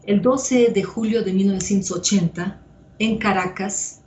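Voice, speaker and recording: Slow-speaking woman lecturer, echoey room. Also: medium pitch, darkish tone, highs cut off, slight background noise. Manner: measured, explains step by step with fillers. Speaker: psychoanalyst lecturer.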